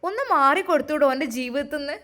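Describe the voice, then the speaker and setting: A domineering older mother-in-law nags and taunts in a thick Malappuram accent, as a woman puts her on. Her voice sits high and carries hard, pressing every demand. She sounds like a figure from a homemade family story drama. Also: rapid-fire. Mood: scolding. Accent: Malappuram Malayalam. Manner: loud, nagging and taunting. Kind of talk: amateur story drama reading.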